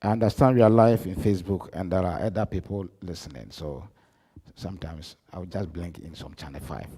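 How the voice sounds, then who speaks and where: A middle-aged man from Ghana with a Ghanaian accent, an apostle giving a live-streamed church address that swings between loud emphasis and soft asides. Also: low-pitched, fairly quick, husky. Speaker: apostle preaching.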